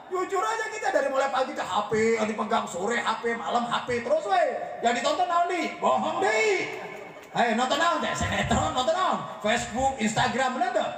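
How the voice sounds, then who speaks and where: A man's voice: very high voice, fairly bright tone. A man preaching a humorous sermon, teasing his audience and often asking them whether he is right. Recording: echoey room, voice from far off the mic.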